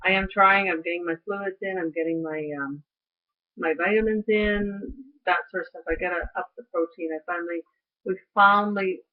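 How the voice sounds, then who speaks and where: A woman's voice: lowish voice, steady tone, normal speed. A middle-aged woman in a chatty vlog, telling a story and acting out the other people's lines. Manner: chatty storytelling, acts out quoted voices. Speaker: vlogger. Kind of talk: casual recovery update. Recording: tinny lo-fi audio.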